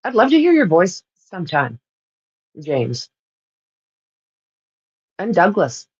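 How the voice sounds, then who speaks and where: This livestream host is a Canadian woman chatting loosely with live viewers, laughing often as she rambles. Her fairly low, husky voice has a darkish tone and big pitch swings, and she takes it slowly. The audio is dull.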